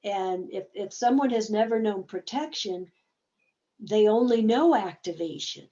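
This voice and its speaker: Therapist lady talking thru a webinar, mellow voice, kinda muffled lo-fi sound. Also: medium pitch, animated, measured pace. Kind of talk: casual webinar talk.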